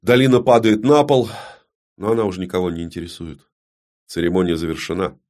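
A man narrating a dark fantasy audiobook in a measured, grave storytelling manner that often drops to a hush. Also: low-pitched, fairly even intonation.

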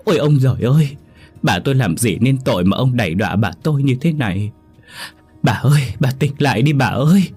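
A man's voice: deep voice, normal speed, darkish tone, slightly rough, soft background music. A man voicing a loyal female servant who sobs, wails and pleads with stammering cries in a spoken horror story. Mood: wailing. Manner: sobbing, wailing, stammering pleas. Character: loyal weeping female servant, young woman.

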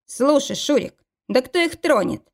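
A woman doing a relaxed, mocking young gang guard. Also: high-pitched, a little slow, pitched above the performer's own voice, exaggerated voice. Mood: easygoing. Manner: relaxed, teasing.

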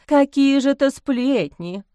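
A woman voicing a shrewd, motherly priest's wife who talks in a brisk, folksy, persuasive way. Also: mid-range voice, lively intonation, darkish tone, no room sound, clean studio sound, lightly acted. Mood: sly.

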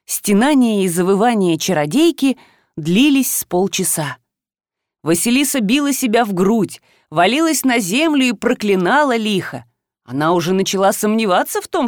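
A woman narrating a fantasy tale in a measured, unhurried way. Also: a little high, dry recording, studio quality. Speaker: audiobook narrator.

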